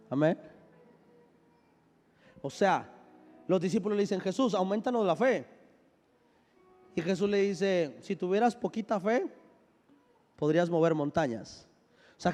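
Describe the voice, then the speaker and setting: A man's voice: on the high side, warm tone. A man pastor preaching a sermon, leading the congregation in call-and-response with joking asides, sounding a bit unwell. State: unwell, says he is sick. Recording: long hall reverb.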